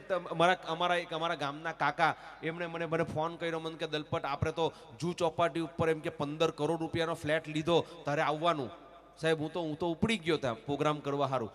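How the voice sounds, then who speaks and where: Brief: male stage comedian from the Surat region, Surati accent, bright lively delivery, long hall reverb. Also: on the high side. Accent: Surati Gujarati. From Surat region, Gujarat. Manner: animated storyteller, acts out dialogue, breaks into song. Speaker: stage comedian and folk performer. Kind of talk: live comic storytelling with sung lullabies. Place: stage at a temple festival, live audience.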